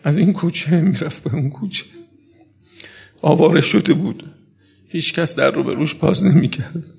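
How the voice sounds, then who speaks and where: Gravelly husky male preacher. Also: a little mellow. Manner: builds to high sobbing wails, speaks to the audience directly. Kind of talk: mourning sermon.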